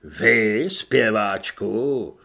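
A man voicing a commanding male army sergeant in an audiobook, speaking slowly and firmly. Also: fairly low pitch, vocal fry, sharp tone, breathy edge, pitched below the performer's own voice, exaggerated voice.

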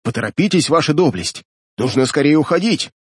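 Brief: narrator doing a worried sea captain, husky, lively pitch, dry sound. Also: male voice, brisk, no echo. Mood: urgent. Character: gruff, anxious boat captain, a man.

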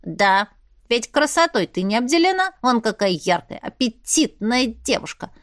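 A woman's voice: fairly high pitch, big pitch swings, moderate pace, a bit bright, no echo, clean studio sound. A woman voicing a sly, teasing male wolf familiar in a fantasy audiobook. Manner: mocking, cheeky.

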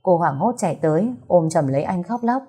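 A woman narrating a romance audiobook in a steady storytelling voice. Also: on the low side, fairly quick, breathy edge.

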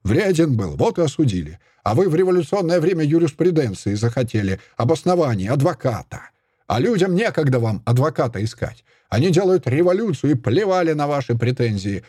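Man reading an old prisoner who rants, husky, sneering, lively swings in pitch. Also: brisk, no room sound, studio quality. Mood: scornful. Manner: ranting, sneering, shouting accusations. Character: furious old male zealot prisoner, shouting. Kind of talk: audiobook reading.

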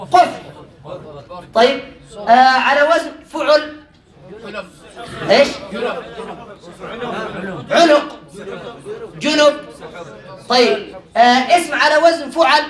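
Male teacher with a high voice, quizzing students and laughing, recorded from a distance in an echoey classroom. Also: a bit bright. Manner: quizzes students and repeats their answers, often laughing. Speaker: religious teacher. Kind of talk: classroom grammar lesson. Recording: roomy sound from a distant mic.

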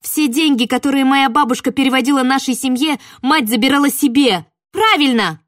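A woman voicing a naive, flustered young sister in an audiobook, high and heated. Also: fairly quick, a bit bright, no room sound, clean studio sound. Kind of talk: audiobook character voice.

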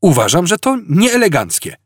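A man's voice: medium pitch, sing-song, moderate pace, no echo, clean studio sound, voice pushed up. Arthur Dent, a man doing a stammering flustered Englishman. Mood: flustered, indignant. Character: flustered, indignant young Englishman.

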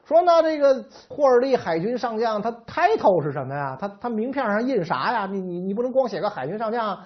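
A man's voice: high-pitched, sing-song, brisk, slightly rough, voice pushed up, heavily acted. A man voicing a flustered young male office secretary on his first day, stammering and exasperated. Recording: slightly dull lo-fi recording.

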